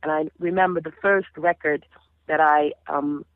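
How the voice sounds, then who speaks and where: Heard over a phone line in a dry recording, a woman in her thirties from the Caribbean, a native Papiamento speaker and singer, chats casually as an interview guest. Her low voice stays fairly even at a moderate pace while she tells stories animatedly, restarting often.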